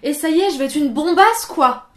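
A woman's voice: high-pitched, lively intonation, fairly quick, fairly bright tone, echoey room, soft background music. A young woman from France chatting casually through a clothing try-on haul, jokey and self-mocking. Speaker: fashion YouTuber. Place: room indoors under artificial lights.

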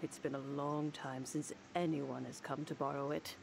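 A woman playing a kindly, frail old granny in a video game, talking in an elderly singsong with gentle wry humour. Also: low-pitched, flat delivery, gravelly, noisy background. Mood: gentle, amused. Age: older. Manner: elderly singsong, slow and unhurried. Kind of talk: video game character acting.

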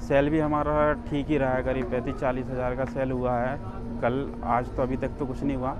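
A man's voice: medium pitch, little pitch movement, normal speed. A man in his thirties, a handloom sari weaver, explaining his craft plainly in an interview at an exhibition stall on a lapel mic. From Madhya Pradesh, India.

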